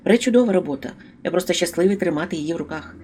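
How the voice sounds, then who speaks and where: A coarse, swearing male thug who erupts loudly and cannot stop cursing, put on by an audiobook reader. He talks in sudden loud bursts, pushed higher than a plain telling voice. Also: expressive, rapid-fire, slight background noise, close to an everyday voice. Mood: smug. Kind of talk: audiobook character voice.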